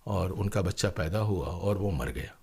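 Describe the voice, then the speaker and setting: An Indian playwright and former radio broadcaster, appearing as an interview guest, tells stories reflectively and earnestly, using emphatic repeated phrases and rhetorical questions. His deep voice is gravelly, darkish and slightly rough, with lively intonation at a moderate pace.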